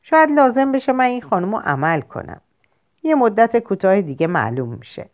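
A woman voicing a calm male country doctor and father in a storybook reading, patient and matter-of-fact as he explains. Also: mid-range voice, pitched above the performer's own voice, natural voice. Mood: explaining. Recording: lo-fi muffled recording.

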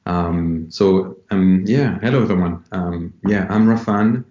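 A man in his forties from France, speaking as an interview guest in a relaxed, unhurried way with many ums. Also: low-pitched. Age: 40s. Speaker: yoga teacher guest. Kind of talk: casual interview talk. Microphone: remote call. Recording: dull, roomy call audio.

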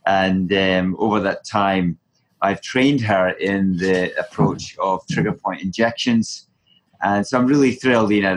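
Middle-aged guy hosting a podcast, lowish voice, easygoing questions with lots of ums. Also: a little hiss or hum. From Canada. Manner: relaxed, friendly questioning with fillers. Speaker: podcast host, family physician. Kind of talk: casual interview.

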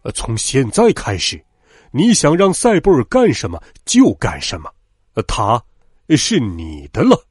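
A man voicing a gruff, sly male robber chief in a children's storybook reading, talking low and haggling. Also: wildly swooping pitch, measured pace, no echo, exaggerated voice.

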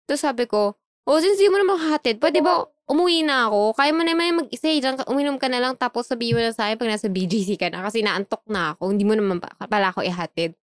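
A young woman telling a story in casual chat, animated, laughing often and acting out the dialogue she quotes. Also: a little high, quick pace, dry recording, clean studio sound.

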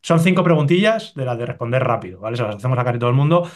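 A man from Spain hosting a casual podcast, leading quick-fire questions in a friendly, joking way. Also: mid-range voice, animated. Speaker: podcast host.

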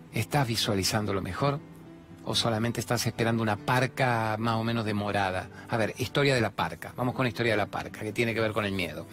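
A man with an Argentine accent hosting a self-help talk show, preaching and telling stories with lively, acted-out voices. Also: on the low side. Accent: Argentine Spanish. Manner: animated, preachy, acts out characters in stories. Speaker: self-help radio host. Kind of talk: motivational talk and storytelling.

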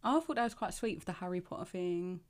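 A woman co-host chatting casually, gossipy and quick to quote others. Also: lowish voice, expressive. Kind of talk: casual chat.

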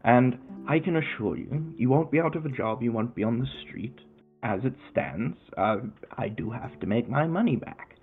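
A man plays a courteous, unyielding debt collector in a tabletop game. His voice is gravelly and lifted higher than his own. It comes over a tinny, phone-like line with faint music behind. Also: lively intonation, lightly acted. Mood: apologetic firm. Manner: courteous but unyielding, measured. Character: polite, firm male debt collector.

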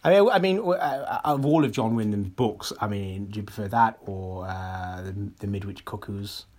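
A man co-hosting a comedy podcast, halting and stammering through his sentences with lots of fillers and laughter. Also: fairly low pitch, a little mellow. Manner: halting, stammering, many repeated words and fillers; breaks into laughter often. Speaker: podcast co-host.

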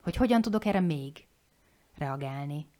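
A woman in her forties talking candidly on a podcast, frank and animated, swearing casually and restarting her sentences. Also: low-pitched.

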